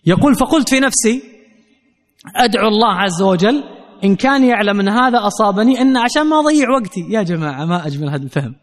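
A man's voice: high voice, expressive, quick pace, in a large hall. A man preaching a sermon, telling a story and earnestly addressing his listeners directly.

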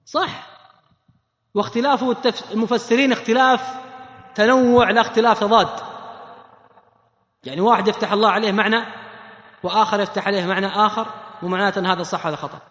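A man delivers a sermon in an animated way, often putting questions to his listeners. His voice sits high, and it rings with a long echo in a roomy space. The sound is muffled and dull. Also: quick pace, long pauses. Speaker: preacher. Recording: echoey hall, muffled sound.

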